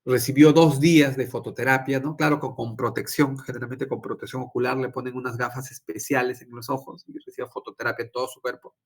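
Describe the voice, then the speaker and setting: A man's voice: mid-range voice, little pitch movement, quick pace, few pauses. A young adult man, a doctor teaching a physiology class, tells a personal story and quizzes his students, ending many phrases with "¿no?". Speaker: physiology lecturer and intensive care doctor. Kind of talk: informal lecture with personal anecdote.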